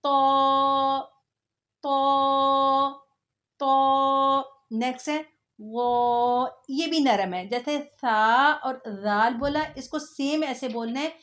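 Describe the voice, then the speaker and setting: A woman teaches the sounds of Arabic letters at a slow, careful pace. Her voice sits high, and she pauses to explain before stretching out each letter in recitation. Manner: patient, explanatory. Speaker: Quran reading teacher. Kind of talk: slow step-by-step recitation lesson.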